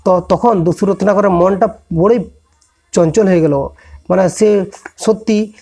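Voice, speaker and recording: A man's voice: high-pitched, fairly even intonation, unhurried, vocal fry, warm tone. A man giving an informal motivational lecture to students, speaking directly to his listeners, often restarting and correcting himself mid-sentence. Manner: conversational, many restarts and self-corrections, addresses listeners directly. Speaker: online tutor giving a moral talk.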